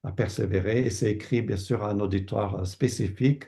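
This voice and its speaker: Older Canadian pastor, low gravelly voice, unhurried and hesitant interview answers. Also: male voice, steady tone, warm tone. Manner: thoughtful, hesitant with many fillers and repeated words. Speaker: pastor and Bible teacher.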